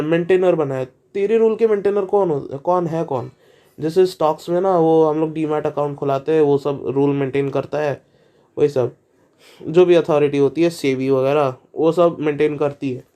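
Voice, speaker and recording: A man reacts to a video in a relaxed, casual way, firing off skeptical questions. His voice sits a bit high but sounds mellow and dark, with frequent fillers and self-corrections.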